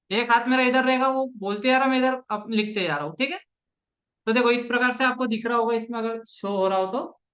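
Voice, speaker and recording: A man's voice: extremely high pitch, pushed and bright, muffled recording. A man teaching a digital marketing lesson, explaining step by step how to handle sales calls with clients and acting out the calls. He speaks Hindi mixed with many English business words. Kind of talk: spoken classroom lesson.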